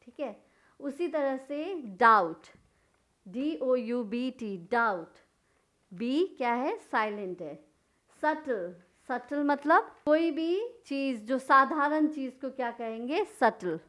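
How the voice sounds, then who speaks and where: A woman's voice: high-pitched, expressive, slow, a bit bright. A woman teaching a lesson, spelling words letter by letter and answering her own questions. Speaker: English teacher. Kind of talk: slow explanatory lesson.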